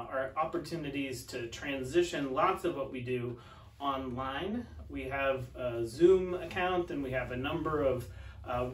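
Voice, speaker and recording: A man in his thirties, a minister, giving an earnest, reassuring church video announcement with many fillers, recorded by a far camera in an office. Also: medium pitch. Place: church office with bookshelves, indoors. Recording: roomy sound from a distance.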